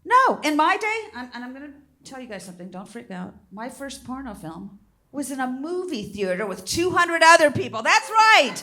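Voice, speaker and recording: An older woman performs bawdy stand-up on a theater stage, her high voice leaping all over the place. She sounds bright and sharp, breaking into loud squeals. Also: big pitch swings, moderate pace. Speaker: stand-up comedian. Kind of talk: stand-up comedy set. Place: theater stage before a live audience.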